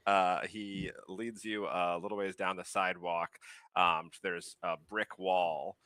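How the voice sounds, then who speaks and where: Bright-voiced male game master. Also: low-pitched, little pitch movement, takes it slowly, dry recording. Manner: loose, laughing, filler-heavy narration. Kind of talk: narrating a tabletop game.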